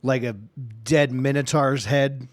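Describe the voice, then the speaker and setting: A man narrating a tabletop game as game master, in a halting way with many fillers. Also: mid-range voice, fairly even intonation.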